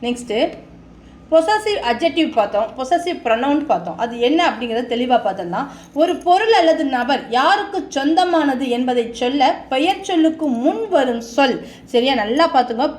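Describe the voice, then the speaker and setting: A Tamil-accented woman with a high voice teaches English grammar. She reads the examples out slowly, word by word, and then explains them quickly. The room around her is echoey. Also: lively intonation, a little mellow, slight background noise. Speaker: English teacher for exam coaching. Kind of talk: bilingual grammar lesson.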